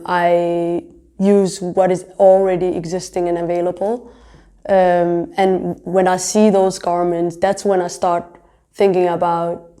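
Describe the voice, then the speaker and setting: A young Danish woman, a fashion designer and entrepreneur, speaks casually and reflectively as an interviewee. Her voice is fairly low-pitched with a dark tone.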